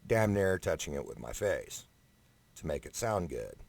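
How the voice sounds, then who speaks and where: A very deep, gravelly, slightly mellow voice belongs to an amateur singer who is very animated yet keeps a measured pace while ranting about audition advice in a vlog. He is blunt, emphatic and sweary, speaking right up close to a condenser microphone without a preamp.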